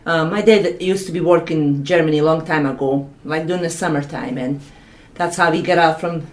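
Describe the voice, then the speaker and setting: A woman's voice: low voice, brisk. A middle-aged woman from Bosnia with a Bosnian accent, answering conversationally as an interview guest. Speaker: podcast guest, nursing assistant.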